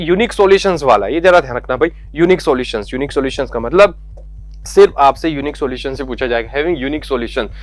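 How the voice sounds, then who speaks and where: A male maths teacher, his voice sitting high for a man. He talks students through the syllabus in a coaxing way and repeats each point. The sound is close and dry. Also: no echo. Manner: coaxing, repeats key points, calls students beta and yaar. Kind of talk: exam syllabus lesson.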